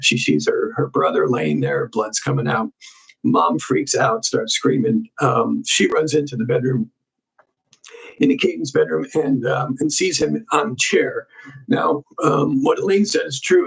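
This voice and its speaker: A man hosting a crime investigation show, casually walking through a case in halting speech full of ums and restarts. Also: on the high side, gravelly, husky, poor audio.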